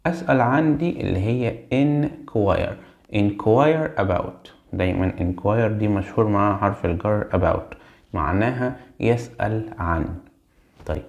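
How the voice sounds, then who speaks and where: A man with an Egyptian Arabic accent teaches English vocabulary for an exam, reading each sentence slowly before explaining it in quick colloquial Arabic. His voice is low and gravelly. The recording sounds dull and lo-fi.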